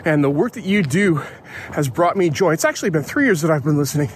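Guy rambling into his phone outside early morning, kinda high voice, little bit of background hiss. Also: animated, fast. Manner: chatty, rambling, self-correcting. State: out of breath. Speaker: podcast host and educator. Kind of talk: casual outdoor audio diary. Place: outdoors on a hill at dawn.

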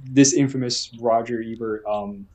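A young man in relaxed podcast talk, voice sitting at an everyday middle pitch. He tells stories with animated emphasis and slips into the voices of people he quotes. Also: normal speed. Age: young adult. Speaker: podcast co-host. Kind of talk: casual chat.

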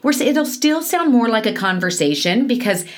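A woman co-hosting a podcast in a chatty, conversational way, with quick asides. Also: on the high side, expressive. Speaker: podcast co-host. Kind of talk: casual podcast chat.

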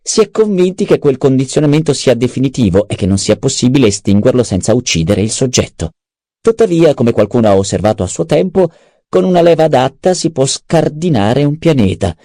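A man's voice: mid-range voice, big pitch swings, fairly quick, mellow, no room sound, studio quality, voice pushed up, natural voice. A man voicing a cunning, self-satisfied male adviser in an audiobook, eager and precise. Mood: scheming. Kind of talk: audiobook character voice.

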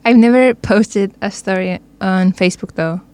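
A woman's voice: medium pitch, moderate pace, a little mellow, clean tone, no echo. A twenty-year-old woman with an Estonian accent, chatting casually as a guest in a radio interview.

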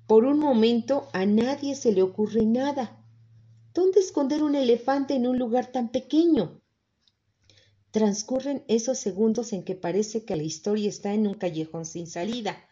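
A woman reading a children's story aloud, calm and expressive. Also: a little high, dull audio. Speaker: narrator.

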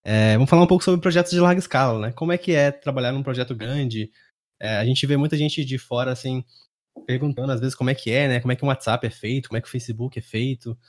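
Fast-talking Brazilian podcast host, male. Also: medium pitch, a little mellow. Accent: Brazilian Portuguese. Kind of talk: casual podcast interview.

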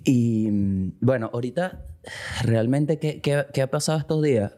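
A man with a Venezuelan accent hosting a casual comic monologue, animated and acting out little quoted exchanges, now and then breaking into loud outbursts. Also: medium pitch. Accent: Venezuelan Spanish. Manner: acts out dialogue in quick quotes. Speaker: podcast host.

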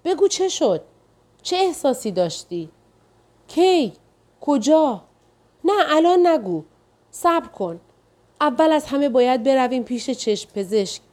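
A woman reading a storybook, voicing an anxious young wife who pleads and fires quick questions. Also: high voice, very animated, a little mellow, voice pushed up.

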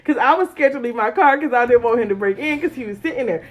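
A woman co-hosting a casual podcast, telling a story in an animated, profane way and acting out quotes. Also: a little high, fast. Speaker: podcast co-host.

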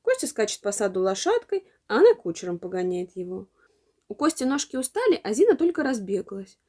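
Female storyteller for kids, animated and mellow. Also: medium pitch, a little fast. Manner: expressive. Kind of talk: storybook narration.

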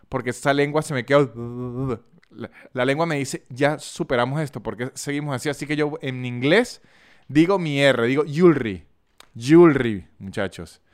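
A man's voice: on the high side, clean tone. A man with a Venezuelan Andean accent from San Cristóbal, hosting a solo podcast in a chatty, jokey, self-mocking way and talking straight to his listeners. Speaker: podcast host. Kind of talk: solo podcast monologue with read sponsor ads.

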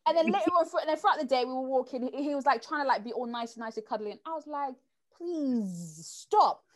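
Speaking fast in a high voice, a woman tells dating stories in a relaxed chat. She's lively and acts out the quotes of the people involved.

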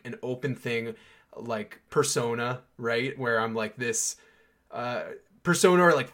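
A man's voice: medium pitch, fairly bright tone. A young man hosting a podcast, chatting casually and enthusiastically, with many fillers and restarts. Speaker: podcast host. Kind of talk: casual chat.

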